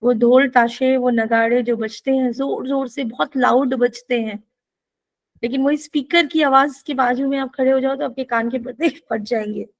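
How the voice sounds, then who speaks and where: High-voiced woman teaching spiritual lessons. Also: fairly even intonation, normal speed, no room sound. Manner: explanatory, asks listeners rhetorical questions. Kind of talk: spoken teaching session.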